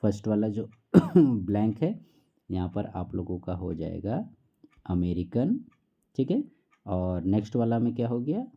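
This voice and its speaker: A man teaching a class quiz, who reads each question slowly and keeps checking in with the listener. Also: on the low side, sing-song, vocal fry, warm tone, lo-fi sound. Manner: repeats "theek hai" often, reads questions slowly.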